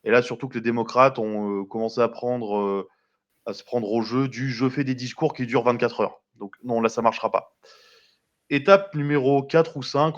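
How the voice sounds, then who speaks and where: Man explaining politics, slightly muffled. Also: medium pitch. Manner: explanatory, conversational, frequent hesitations. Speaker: commentator. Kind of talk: political news commentary.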